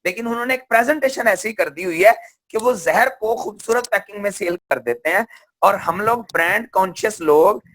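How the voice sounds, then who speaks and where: A man's voice: high voice, moderate pace, fairly bright tone. A man from Pakistan giving a motivational seminar talk, asking questions and answering them himself. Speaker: seminar speaker.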